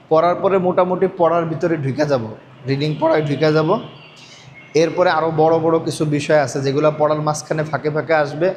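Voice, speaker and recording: A man's voice: on the high side, slight background noise. Man teaching, asking questions and repeating. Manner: asks the class questions and repeats answers. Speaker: Quran reading teacher. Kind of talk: classroom lesson.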